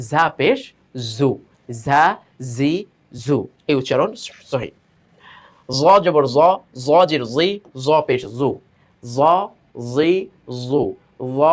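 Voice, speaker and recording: A man teaching Quran reading, slowly drilling syllables and explaining where the tongue should touch. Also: medium pitch. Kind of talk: step-by-step pronunciation lesson.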